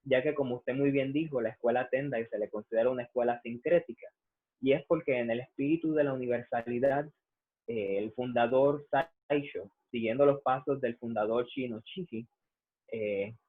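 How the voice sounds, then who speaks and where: A man from Puerto Rico with a Puerto Rican accent, a Buddhist reverend calmly explaining his tradition with many "eh" fillers. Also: medium pitch. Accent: Puerto Rican Spanish. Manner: measured, frequent "eh" fillers. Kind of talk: explanatory interview answers. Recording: tinny phone-like line.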